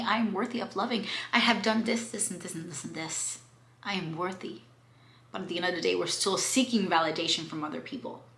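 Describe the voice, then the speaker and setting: A woman's voice: fairly low pitch, gravelly, pushed and bright. A woman in her late twenties from Cuba, talking candidly in a casual vlog book review and slipping in playful slang. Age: 20s. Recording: roomy echo.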